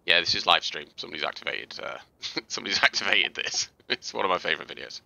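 A man casually talking through game footage as a tutorial host, chatty and relaxed, with fillers and restarts. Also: sits low, quick pace, gravelly, dry recording. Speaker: gaming video host. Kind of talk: casual gameplay commentary and tutorial.

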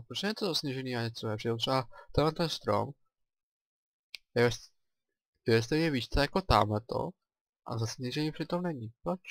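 A man with a Czech accent giving casual let's play commentary, chatty and thinking aloud with excited exclamations. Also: medium pitch, no echo.

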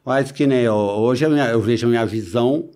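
On a close studio microphone mounted on a boom arm in a small podcast studio, a body-modification enthusiast in his forties tells his story as a podcast guest. He has a Brazilian Portuguese accent and a medium-pitched, slightly mellow voice. His casual, halting speech repeats words and is peppered with "né" tags.

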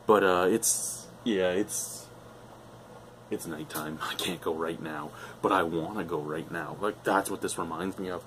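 A man's voice: deep voice, measured pace, a bit bright, slight background noise. A middle-aged man reviewing a beer on camera at home, rambling and enthusiastic, swearing freely. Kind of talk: casual beer review vlog. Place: living room at home, indoors.

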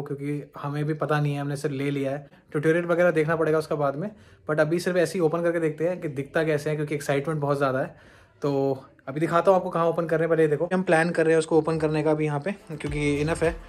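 A young man chatting casually and excitedly in a vlog, mixing English words into his Hindi, filmed on a phone held at arm's length. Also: a little high. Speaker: vlogger. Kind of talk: casual shopping and unboxing vlog. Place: large sports store, then a room at home.

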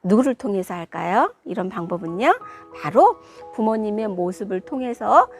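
A woman's voice: medium pitch, expressive, normal speed, faint music behind. A woman parenting educator giving an emphatic lecture on child discipline and asking her listeners rhetorical questions.

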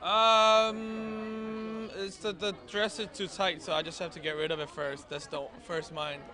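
A man with a slight accent joking through an interview in a playful, deadpan way. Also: high-pitched, unhurried. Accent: slight foreign accent. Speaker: interviewee, singing contestant. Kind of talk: joking red-carpet chat. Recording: crowd noise behind.

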